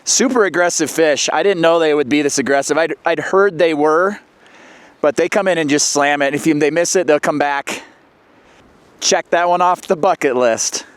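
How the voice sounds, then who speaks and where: Clear-voiced man vlogging in the windy outdoors. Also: fairly high pitch, normal speed, no room sound. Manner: talking outdoors in wind. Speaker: fishing vlogger. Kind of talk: casual outdoor vlog narration. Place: outdoors on a frozen mountain lake.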